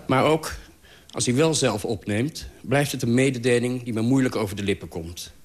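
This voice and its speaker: A man's voice: medium pitch, normal speed. A man with an ordinary mid-range voice reads a humorous radio column. His delivery is dry and self-mocking, and his jokes are understated. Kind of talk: humorous scripted column reading.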